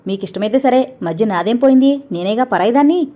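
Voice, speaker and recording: A bossy, sharp-tongued mother-in-law who barks her complaints, as a woman reader puts her on. Her voice is mellow and dark in tone, yet loud and nagging. She comes across as a storybook tyrant of the household. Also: a little high, lively intonation, brisk. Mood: scolding. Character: harsh scolding older mother-in-law.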